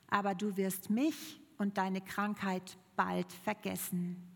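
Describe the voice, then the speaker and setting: Life as a patient, measured healer, voiced by a woman preacher; slow, long hall echo. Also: medium pitch, flat delivery, vocal fry. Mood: calm.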